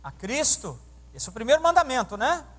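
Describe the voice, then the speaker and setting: Pastor preaching in an echoing church. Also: male voice, very high voice, a little fast. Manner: animated storytelling, acting out dialogue and questioning the congregation. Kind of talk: sermon. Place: church sanctuary during a service. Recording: reverberant church hall sound.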